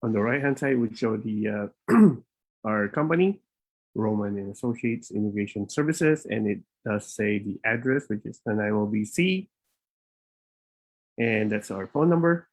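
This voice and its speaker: A man's voice: on the low side, lively intonation, measured pace. A man hosting a live webinar, talking informally, with many fillers and restarts. He is a bit out of breath and speaks into a laptop mic. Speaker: immigration consultant and webinar host.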